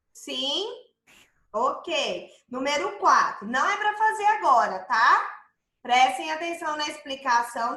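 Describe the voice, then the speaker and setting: A patient Brazilian primary school teacher, a woman with a high, bright voice, talks slowly to her young pupils. She keeps asking if they follow along and calls herself their aunt. Her voice rings a little in an echoey room. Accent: Brazilian Portuguese. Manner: patient, checks understanding with the children often; refers to herself as "tia" to the kids. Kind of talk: remote lesson explaining a workbook exercise.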